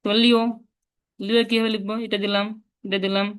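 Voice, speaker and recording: A woman with a Bangladeshi Bengali accent giving a casual spoken lesson, explaining step by step and repeating syllables slowly. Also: mid-range voice, little pitch movement, smooth. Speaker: Chinese language teacher.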